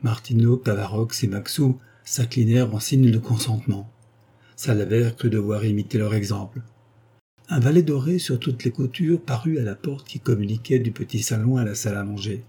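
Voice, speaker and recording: A man narrating a novel as an audiobook in an even, measured reading. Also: mid-range voice, breathy edge.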